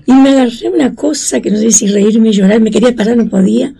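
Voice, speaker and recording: A woman's voice: quick pace, vocal fry, husky. An older woman from Chaco with an Argentine accent, telling her story in an interview and acting out the voices she quotes. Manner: acts out quoted voices, rising high and excited. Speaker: interviewee, grandmother of a found granddaughter.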